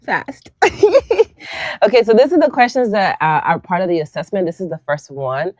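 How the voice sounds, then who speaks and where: A woman hosting a casual conversation, reflective and lively, laughing often. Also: fairly low pitch, moderate pace, dry recording. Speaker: podcast host and coach.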